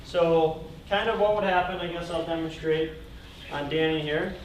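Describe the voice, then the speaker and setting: A man's voice: a little high, moderate pace. A man instructing a first-aid class as a firefighter, explaining informally as he demonstrates hands-on. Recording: echoey room, distant mic, faint noise.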